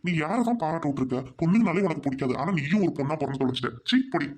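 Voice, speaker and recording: A woman's voice: low voice, expressive, very fast, darkish tone. A woman voicing a grumbling middle-aged father who bickers and teases, in an audio drama. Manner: grumbling, teasing.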